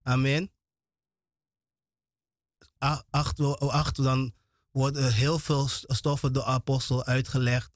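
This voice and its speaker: A man's voice: mid-range voice, little pitch movement, slow pace, pauses often, no echo, clean studio sound. A man preaching on the radio, emphatic and repetitive, often breaking off and restarting his words. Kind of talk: radio sermon.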